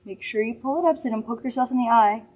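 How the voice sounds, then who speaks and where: A woman's voice: on the high side, fast, darkish tone. Chatty, giggly woman hosting a makeup live. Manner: chatty, giggly, rambling asides. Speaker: makeup livestream host. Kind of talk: casual product demo chat.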